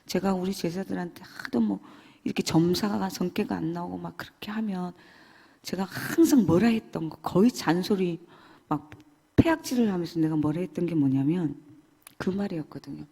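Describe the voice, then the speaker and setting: A woman giving an emotional church testimony, swinging between loud and hushed. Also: lowish voice, moderate pace, vocal fry, slightly rough. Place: church hall. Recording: long church hall reverb.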